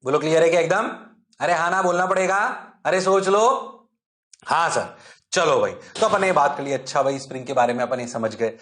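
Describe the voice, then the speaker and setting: A man teaching physics in a lively, jokey way, constantly checking that the class is following and sometimes answering his own questions in a low student voice. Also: fast talker, few pauses. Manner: jokey and self-mocking. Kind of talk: online exam-prep lecture.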